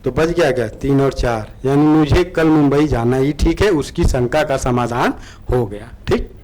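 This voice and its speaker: A man teaching an online exam-prep lesson. He reads the options aloud slowly, then explains them, often checking in with a quick "okay". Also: mid-range voice, a little mellow, poor audio. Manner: repetitive, checks in with "ठीक है" often.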